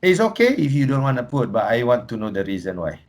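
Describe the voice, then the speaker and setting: A man's voice: medium pitch, big pitch swings, quick pace, darkish tone. Joking Malaysian-accented male workshop presenter. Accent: Malaysian English. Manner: humorous, anecdotal, mixes in Malay phrases. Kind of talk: lively teaching talk.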